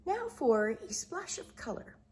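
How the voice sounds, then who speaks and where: A woman's voice: high-pitched, big pitch swings, a little slow, a little mellow, voice pushed up. A woman voicing a fussy, exasperated male rabbit in a storybook, speaking emphatically. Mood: resigned, pleased.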